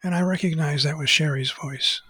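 An older man, an author being interviewed, recounting stories slowly and hesitantly with many pauses. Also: fairly high pitch, slightly rough, dry recording. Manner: hesitant, many "uh" pauses, quotes others in a hushed voice. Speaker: author and photographer interviewed as guest. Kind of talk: unscripted storytelling interview.

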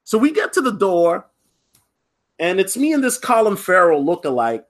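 A man's voice: high-pitched, normal speed. A man telling a personal story in a casual podcast monologue, chatty, with many fillers and restarts and frequent "right?". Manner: lively, acts out other people's lines. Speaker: podcast host.

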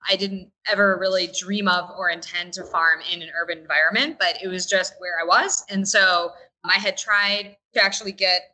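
A woman's voice: on the low side, steady tone, normal speed, bright, forceful tone, poor audio. A woman guest on a podcast, explaining her urban farm in a thoughtful, easy way. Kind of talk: podcast interview.

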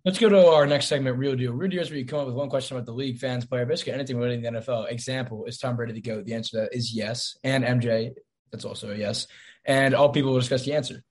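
A man's voice: medium pitch, steady tone, very fast. A young man hosting a casual sports podcast, teasing and confident, steering it from segment to segment. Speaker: podcast host.

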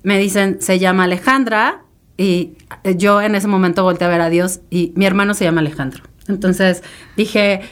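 A woman's voice: medium pitch, steady tone, moderate pace. A woman, a podcast guest telling a personal story in an emotional, rambling way with many fillers and tag questions. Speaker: interview guest.

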